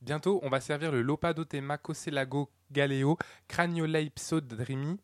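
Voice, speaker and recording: A man of middle pitch reads passages aloud on a podcast, often tripping and restarting his sentences. The sound is dry and close, with no room around him. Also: steady tone, moderate pace, dry recording. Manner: stumbling, restarting phrases. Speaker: podcast co-host. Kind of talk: reading texts aloud.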